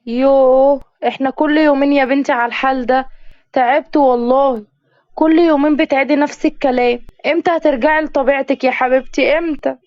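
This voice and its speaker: A woman's voice: high voice, steady tone, fairly quick, dry recording, dull audio, lightly acted. A woman with an Egyptian accent voicing a tired, grieving mother pleading with her daughter in a spoken story. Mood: weary. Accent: Egyptian Arabic.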